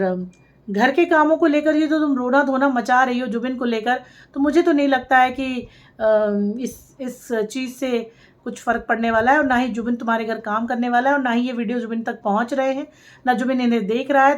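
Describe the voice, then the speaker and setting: A woman making a reaction vlog, scolding and sarcastic, talking straight to the camera. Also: high-pitched. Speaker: vlogger.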